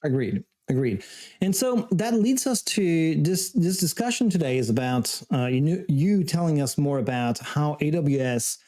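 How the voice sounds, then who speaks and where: Male host, dark mellow voice, casual upbeat interviewer. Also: fairly high pitch, animated, normal speed. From France. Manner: chatty, upbeat, with small laughs. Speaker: show host.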